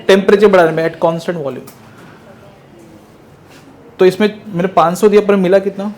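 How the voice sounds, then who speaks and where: High-voiced physics teacher. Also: male voice, moderate pace. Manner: lively, fires rhetorical questions at students and answers them himself. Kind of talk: classroom lecture.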